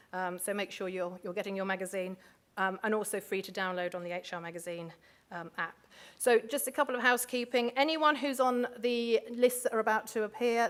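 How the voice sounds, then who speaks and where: A woman hosts a live awards ceremony on stage, chatty and full of asides, speaking into a microphone in a large hotel function room. Her voice is a little high.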